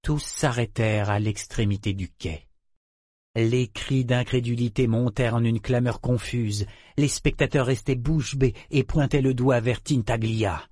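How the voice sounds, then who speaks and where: A man reading a novel aloud as an audiobook narrator, in a measured, even storytelling manner. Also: medium pitch, dry recording, studio quality. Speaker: audiobook reader. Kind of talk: scripted narration.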